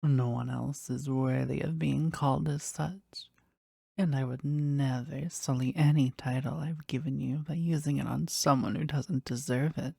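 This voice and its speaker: A powerful demon, played by a woman speaks slowly and intimately in a gravelly low voice. The phrasing is formal and reverent, possessively devoted to a master, as in a scripted audio drama recorded close and dry. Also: fairly even intonation, warm tone, no room sound, heavily acted. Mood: proud, devoted. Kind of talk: scripted roleplay audio drama, addressed to the listener.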